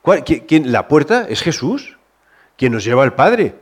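Conversational preacher, soft then rising. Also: male voice, on the high side, sing-song, a little slow, husky. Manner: conversational, many restarts, shifts between soft and raised. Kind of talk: sermon.

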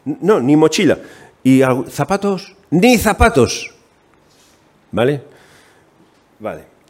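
A man preaching a sermon in a Spanish accent from Spain, conversational and animated, asking the congregation questions. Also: on the high side, slow.

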